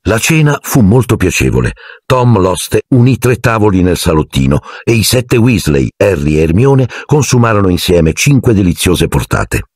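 A man's voice: low-pitched, very animated, normal speed, darkish tone, no echo, studio quality. A man narrating an audiobook expressively and doing the character voices.

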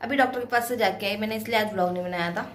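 An Indian woman vlogger chats casually to her viewers at home, describing her dental pain while filming indoors on a phone camera. Her medium-pitched voice runs very fast, and she speaks directly to her audience in a chatty way.

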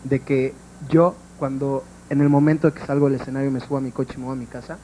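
A man's voice: mid-range voice, little pitch movement, quick pace, dark tone, slight background noise, rough recording. A young man from Mexico, a band member on a talk show, speaking emphatically and insisting on his point. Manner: emphatic, insistent, keeps asking for agreement.

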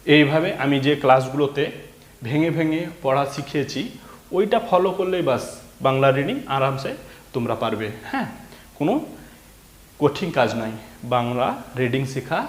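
Guy teaching little kids to read, slow sounding-out, lots of repeats, kinda echoey room. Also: mid-range voice. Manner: patient, breaks words into letters and repeats them. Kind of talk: spelling and reading lesson for children.

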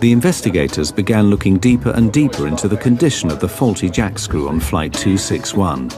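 A man reading scripted documentary narration in a measured, dramatic storytelling way. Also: lowish voice, animated. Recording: dramatic music bed under voice. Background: music.

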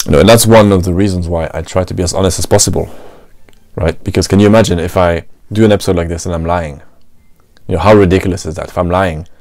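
Hosting his own podcast, an adult man from France who works in a restaurant thinks aloud in a reflective monologue, peppering it with "you know" and "right." He speaks fast with a French accent in a low, steady, slightly mellow voice, recorded at studio quality with no echo.

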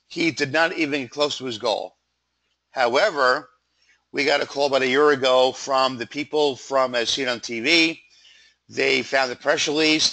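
A man presents slides in an informal, conversational sales-pitch style. His voice is froggy yet bright and forceful, sitting at a middling pitch. He leans on lists with emphasis. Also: rough recording. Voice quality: froggy, throat-clearing voice. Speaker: PR company presenter.

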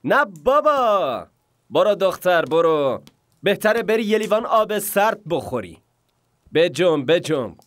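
A man's voice: high voice, sing-song, a bit bright. A man dubbing a cocky young man who brushes off a girl with teasing dismissal. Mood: dismissive. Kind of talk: Persian dub of a TV drama.

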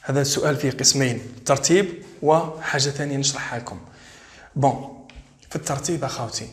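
An Algerian man teaching English for an exam, reading sentences slowly and repeating words to drill pronunciation. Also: mid-range voice, echoey room. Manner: switches between English and dialect, reads English slowly and drills pronunciation. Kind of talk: exam-prep lesson.

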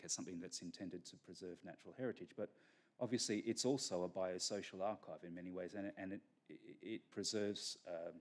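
Speaking into a podium microphone in a large conference hall, a middle-aged keynote speaker lectures in a low, deep voice. His delivery is measured and academic, frequently pausing on fillers and restarting phrases.

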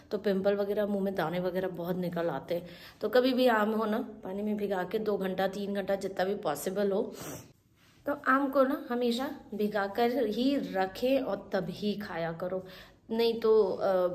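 A woman's voice: mid-range voice, a little mellow. A woman in her forties chatting casually to viewers in a daily vlog, filmed on a phone at arm's length in her home. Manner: chatty, addresses viewers directly, gestures while talking. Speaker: vlogger. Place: home rooms and kitchen, indoors. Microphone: phone held at arm's length.

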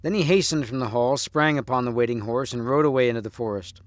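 A man reading a storybook aloud to students, steady with small slips and restarts. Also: medium pitch, fast talker, no room sound. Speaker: reader.

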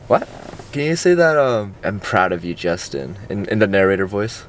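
A young man vlogging casually, joking around with friends and bursting into loud outbursts. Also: fairly low pitch, very animated, normal speed, a little hiss or hum. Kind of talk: casual vlog chat.

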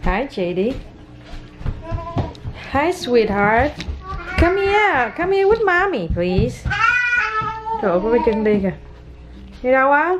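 A woman's voice: high voice, big pitch swings, takes it slowly, long pauses, lo-fi sound, music in the background. A woman filming her toddler on a boat, cooing and teasing the child in a mix of Vietnamese and English. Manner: coos and teases a crying toddler, mixing Vietnamese and English. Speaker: mother filming her baby. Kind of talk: casual family vlog chat. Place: outdoors on a boat. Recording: loud outdoor noise, handheld camera.

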